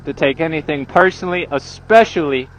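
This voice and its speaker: A man's voice: a little high, lively intonation, a little fast. A man vlogging as he rides, talking casually to viewers in slangy, profanity-laced language. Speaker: motorcycle vlogger. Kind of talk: casual riding commentary to viewers. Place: outdoors, riding a motorcycle on the road. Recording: noisy outdoor motorcycle ride, engine and traffic.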